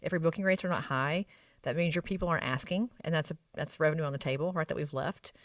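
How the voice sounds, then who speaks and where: A woman from Arkansas with a Southern accent serves as a guest expert on medical spa practice operations in a conversational interview. Her low-pitched voice moves quickly as she explains emphatically, often checking in with short tag questions. The studio sound is clean and dry, though she's far from the mic.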